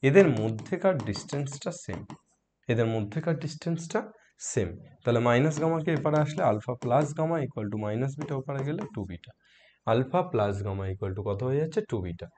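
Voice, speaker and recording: A man with a sore throat teaching a math lesson softly, coaxing students with questions as he works problems. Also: medium pitch, expressive, moderate pace, a little hiss or hum. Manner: coaxing, asks students questions, mixes English math terms.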